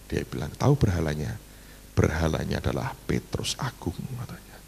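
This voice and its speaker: A man's voice: a bass voice, normal speed, vocal fry, in a large hall, a little hiss or hum. A middle-aged male pastor, telling a story in a sermon and calling the congregation "saudara". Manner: animated, addresses congregation as "saudara".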